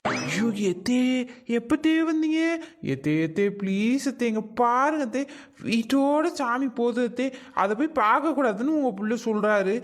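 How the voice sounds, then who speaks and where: A woman's voice: on the high side, lively intonation, moderate pace, lightly acted. A woman voicing a young wife in a comedy cartoon, pleading and wheedling to be allowed out. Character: pleading young wife eager for the temple fest.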